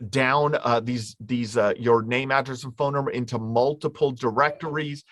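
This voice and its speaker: A man's voice: medium pitch, a bit bright, no room sound, studio quality. A man presenting a marketing webinar in an informal, conversational way, explaining with hypothetical examples.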